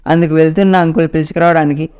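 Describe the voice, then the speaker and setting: A man's voice: fairly high pitch, steady tone, very fast, a little mellow, clear, resonant tone, natural voice. A man voicing a young ghost girl who pleads and keeps calling him uncle, in a told ghost story. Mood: pleading.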